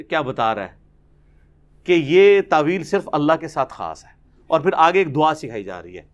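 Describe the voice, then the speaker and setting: A man's voice: a little high, fairly bright tone. A man giving a Quran commentary lecture, explaining verses, reciting Arabic and asking rhetorical questions. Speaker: Islamic preacher.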